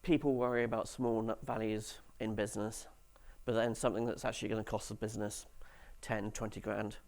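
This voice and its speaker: Creaky-voiced man giving a talk. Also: on the low side, flat delivery, a little fast, darkish tone. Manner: dry, sarcastic humour with audience questions. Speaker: conference speaker. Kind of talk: conference talk to developers. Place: conference hall stage.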